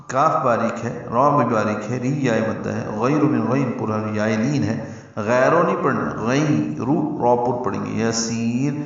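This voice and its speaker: A man teaching the rules of Quran recitation, explaining letter by letter and breaking into slow chanted recitation. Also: medium pitch, a bit bright. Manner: explains letter by letter, then chants verses slowly. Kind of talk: tajweed lesson with chanted recitation. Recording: echoey, distant, dull audio.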